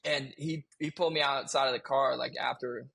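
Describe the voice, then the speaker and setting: Gravelly man telling a candid story. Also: medium pitch, steady tone, fairly quick, a bit bright, no echo. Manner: candid, swears freely, frequent restarts. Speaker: podcast guest. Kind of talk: casual storytelling chat.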